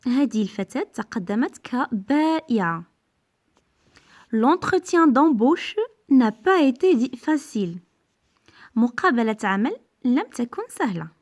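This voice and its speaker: A woman teacher giving a grammar lesson, speaking slowly and deliberately, repeating sentences and exaggerating the rise on questions. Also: fairly high pitch, very animated, a little mellow. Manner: slow and deliberate, repeating and translating each sentence; exaggerated rising intonation on questions. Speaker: French teacher.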